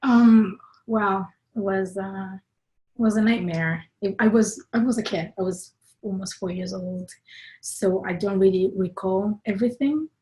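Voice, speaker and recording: Soft-spoken woman from Rwanda. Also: mid-range voice, steady tone, a little slow, a little hiss or hum, poor audio. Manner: soft-spoken, hesitant, with many fillers and restarts. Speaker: guest. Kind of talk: personal storytelling in an interview.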